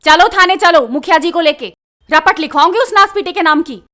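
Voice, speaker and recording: A shrill Haryanvi daughter-in-law. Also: female voice, a little fast, fairly bright tone. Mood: scolding. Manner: shrill wailing and scolding. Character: loud, quarrelsome village daughter-in-law.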